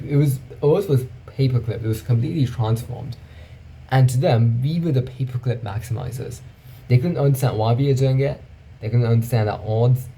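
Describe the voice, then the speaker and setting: A man's voice: medium pitch, creaky, mellow, slight background noise. A man talking through his thoughts in a casual, reflective monologue, thinking aloud and often checking in with "right?". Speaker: vlogger.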